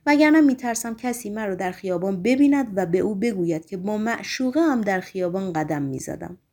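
A woman's voice: medium pitch, lively intonation, a little mellow. Storybook role: a woman reading a guarded, teasing young woman; cool and curt. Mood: cool, haughty. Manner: cold, curt, biting.

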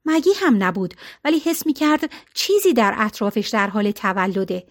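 A woman reading a novel aloud as narrator, in a calm, even way with colloquial phrasing. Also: mid-range voice. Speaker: audiobook narrator.

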